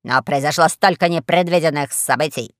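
A woman voicing a pompous, blustering male space admiral in a storybook, loud and self-important. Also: deep voice, fairly quick, no echo, studio quality, pitched below the performer's own voice, lightly acted. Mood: nervous, reporting. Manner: shouting, pompous.

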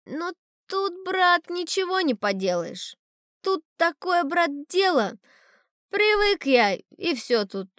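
A woman's voice: extremely high pitch, very animated, slow pace, fairly bright tone, dry recording, studio quality, pitched above the performer's own voice, exaggerated voice. A woman reading a storybook voices a rambling, wistful old sailor who talks in a confiding way. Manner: rambling, confiding, calls the boy "brother".

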